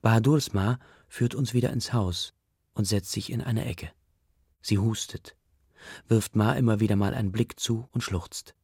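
A man narrates a story in a low, gravelly voice with a husky, rough edge. His reading is quiet and subdued. The recording is dry and close, with no room sound. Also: fairly even intonation, unhurried, dry recording. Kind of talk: audiobook narration.

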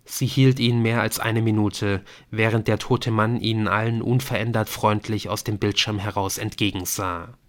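A man narrating an audiobook in a measured, even storytelling manner. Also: fairly low pitch.

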